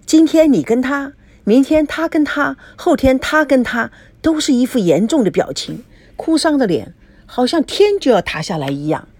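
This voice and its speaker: A woman's voice: high voice, animated, normal speed, a little mellow, pitched above the performer's own voice. A woman voicing two cheerful, nosy bar workers who gossip about their rich customers in a storybook reading.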